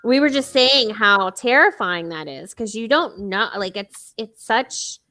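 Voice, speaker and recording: A woman's voice: mid-range voice, expressive, unhurried, pushed and bright. A woman co-hosting a casual podcast, chatting with many fillers and restarts. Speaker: podcast co-host. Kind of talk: casual chat.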